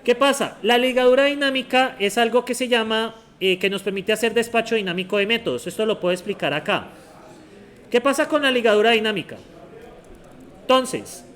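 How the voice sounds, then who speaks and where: A man's voice: very high-pitched, fairly bright tone. A man giving a university programming lecture, steadily quizzing the class with short questions. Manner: asks the class many quick check questions.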